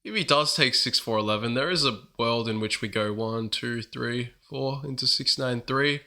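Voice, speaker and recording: A man's voice: mid-range voice, normal speed, pushed and bright. A man hosting his gaming channel, chatting casually through strategy commentary while a bit sick. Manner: chatty, upbeat, self-correcting.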